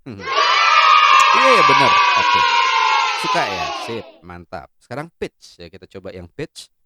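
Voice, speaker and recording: A man's voice: deep voice, sing-song, unhurried, bright, forceful tone, some chatter behind. A man hosting a casual product review in a playful, joking, chatty way. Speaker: host and gear reviewer.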